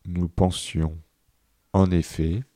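A man reading a dictation aloud, deliberately repeating each phrase and speaking the punctuation marks. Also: sits low, flat delivery, warm tone, no echo, clean studio sound. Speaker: dictation reader.

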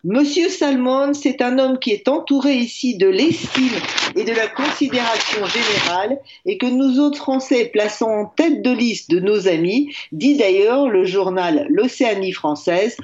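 A woman columnist telling a lively history chronicle on the radio, with frequent hesitations. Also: a little high, a little slow, lo-fi sound, noisy background. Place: remote line from abroad.

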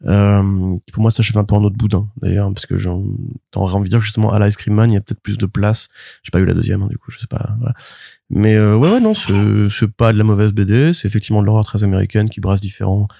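Fast-talking gravelly man on a podcast. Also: on the low side, dark tone, no echo. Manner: quick, teasing, chatty. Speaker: podcast co-host. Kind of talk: casual chat reviewing comics.

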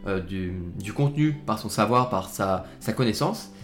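A man's voice: on the low side, expressive, normal speed, faint music behind. A young man hosting his own podcast, chatting casually and rambling with lots of fillers and restarts while addressing the listener directly. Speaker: podcast host. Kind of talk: casual solo podcast talk.

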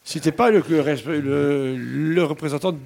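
A man's voice: a little high, measured pace, gravelly, darkish tone. A man, hosting a casual radio chat and telling an anecdote while acting out the people in it. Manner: storytelling, acting out the quoted speakers. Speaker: radio show host.

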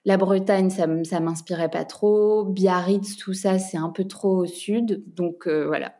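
A woman from France, a podcast guest and entrepreneur, chatting casually with many pauses and fillers, laughing now and then. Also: fairly low pitch, fairly even intonation, warm tone. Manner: hesitant, many fillers and restarts, laughs often. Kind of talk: casual chat.

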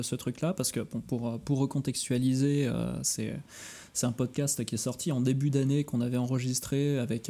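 A man from France chatting on a podcast, halting often with fillers and restarts. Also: mid-range voice, mellow. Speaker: podcast host interviewed about his music shows. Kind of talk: casual podcast chat.

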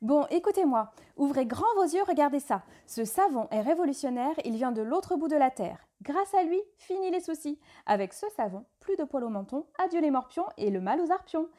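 A woman's voice: expressive, normal speed, hardly any pauses, mellow. A woman playing a brash rhyming soap hawker. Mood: pushy. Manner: sing-song rhyming sales patter, jumpy pitch. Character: brash fast-talking female soap hawker.

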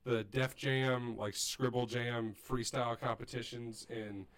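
A man's voice: medium pitch, level tone, measured pace. A man co-hosting a podcast, explaining music casually in an enthusiastic, rambling way. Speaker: podcast co-host.

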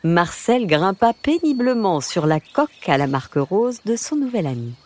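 A woman narrating a children's story in a lilting, expressive way. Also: medium pitch, moderate pace. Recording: music bed under the voice.

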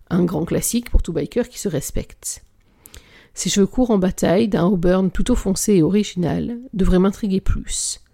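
Novel reader: measured delivery, occasional whispers, mellow gravelly tone. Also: mid-range voice. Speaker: audiobook reader. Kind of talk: reading a novel aloud.

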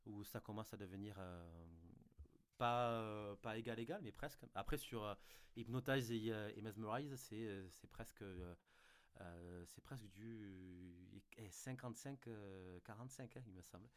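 Man, Lot-et-Garonne accent, lowish voice, casual co-host who hesitates a lot. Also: moderate pace, smooth. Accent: Lot-et-Garonne (southwest France). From Lot-et-Garonne, France. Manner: hesitant, many fillers and restarts. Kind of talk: casual chat.

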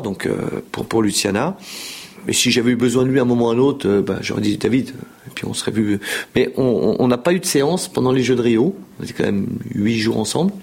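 A show jumping rider in his fifties tells his story in a casual interview, rambling with lots of fillers and repeated words. His mid-range voice is gravelly and darkish, with a breathy edge.

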